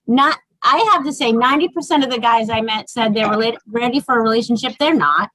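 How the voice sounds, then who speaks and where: A woman's voice: on the high side, fairly quick, a bit bright, no echo, rough recording. A woman in her forties with a Boston accent, chatting bluntly on a podcast as a guest author and swearing freely. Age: 40s. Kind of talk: casual podcast chat.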